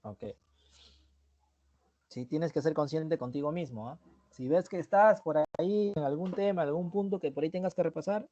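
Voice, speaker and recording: A man's voice: a little high, normal speed, warm tone, dull audio. A man teaching an online review class, explaining terms step by step and often checking in with the students.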